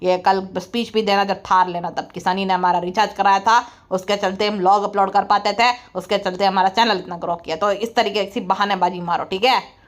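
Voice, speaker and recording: A woman's voice: mid-range voice, fairly even intonation, brisk, voice pushed down, natural voice. A woman putting on a lazy bragging man.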